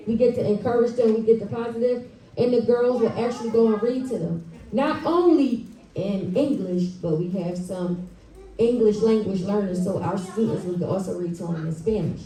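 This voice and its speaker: A woman with a fairly high-pitched, dark-toned voice, a school teacher who also writes children's books, gives an encouraging live talk addressed straight to children and families. She's in a library event room, and the distant mic leaves the recording roomy and echoey.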